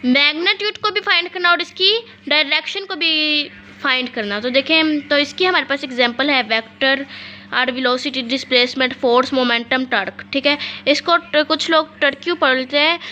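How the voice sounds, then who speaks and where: A woman teacher giving a physics lesson, reading definitions out slowly and asking and answering her own questions. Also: high voice, pushed and bright, lo-fi sound. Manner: explains in mixed Urdu-English, reads definitions slowly, asks and answers own questions.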